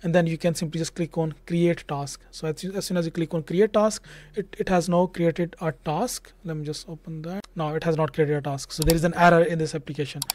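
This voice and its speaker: A man's voice: a little high, steady tone, brisk, darkish tone. A young man hosting a screen-share coding tutorial, talking casually with lots of "just" and "like" into a studio mic at home. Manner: casual, repeats fillers like "just" and "like". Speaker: tech tutorial host. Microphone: studio mic on a stand in front.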